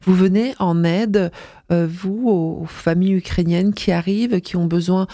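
A woman's voice: fairly low pitch, fairly even intonation, normal speed, warm tone, no echo, clean studio sound. A woman interviewing a guest, asking long, searching questions with some fillers.

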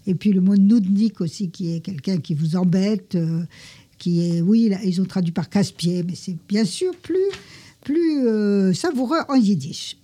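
A woman with a husky voice presenting and slowly explaining jokes and expressions, often pausing to search for words. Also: mid-range voice, dark tone. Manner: slow, halting explanation.

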